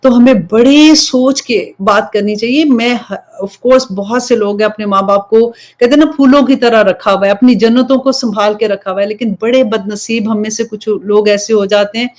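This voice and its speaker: A woman's voice: on the high side, few pauses, darkish tone. A young woman from Pakistan giving an informal religious talk, telling a story in a chatty way and slipping English phrases in between. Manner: conversational storytelling, switching between Urdu and English. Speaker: Islamic preacher.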